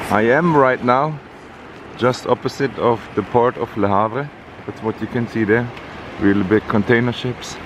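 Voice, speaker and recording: Male travel vlogger, unhurried and halting with fillers, outdoors with faint noise behind. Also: medium pitch. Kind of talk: casual vlog narration. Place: outdoors on a rainy coast.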